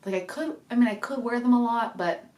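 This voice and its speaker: A woman's voice: on the high side, brisk, darkish tone, reverberant. A young woman chatting casually to camera in a rambling home vlog, a little out of breath, with lots of fillers. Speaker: vlogger. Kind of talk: casual pregnancy update vlog. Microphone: desk microphone.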